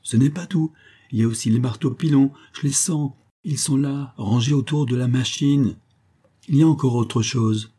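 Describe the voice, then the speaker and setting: A man voicing an excited freed convict who talks in a breathless, exalted, urgent way. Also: medium pitch, moderate pace, slightly rough, pitched above the performer's own voice, lightly acted. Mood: eager.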